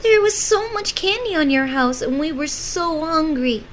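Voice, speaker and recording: A woman voicing a sweet, polite young girl in a storybook read-aloud, high and pleading. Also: expressive, moderate pace, a little hiss or hum, low-quality recording.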